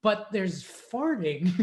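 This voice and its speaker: A man co-hosting a podcast, chatting casually with frequent laughs and halting restarts. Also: sits high, very animated. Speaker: podcast co-host. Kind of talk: casual chat.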